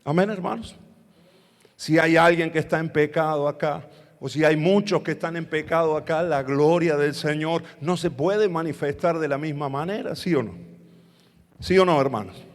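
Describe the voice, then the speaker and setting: In a spacious church hall, an Argentine man preaches as pastor, asking questions the congregation is meant to answer aloud. His voice is a little high and moves at a normal speed.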